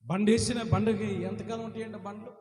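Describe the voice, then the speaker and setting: A pastor preaching a fervent sermon, swinging between loud exhortation and hushed storytelling. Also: male voice, high voice, fairly even intonation, a little fast. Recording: echoey hall with music.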